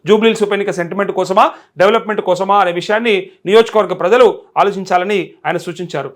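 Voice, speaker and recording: Male live news host, high voice, quick delivery, Telangana accent, challenging conversational commentary. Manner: challenging, rhetorical questioning of viewers. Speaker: journalist hosting a live call show.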